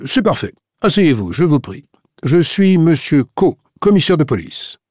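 A man's voice: fairly high pitch, sing-song, a little slow, darkish tone, husky, dry recording, voice pushed up, exaggerated voice. A man voicing a pompous, self-important middle-aged police commissioner in an audiobook. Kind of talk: audiobook character voice. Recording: dry studio recording.

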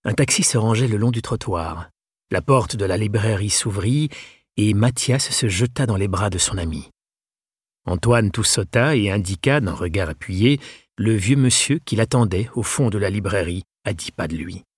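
A male audiobook narrator with a husky, slightly breathy voice at a middling pitch. He reads in a calm, even manner, recorded close and dry with no room sound. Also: normal speed, no room sound.

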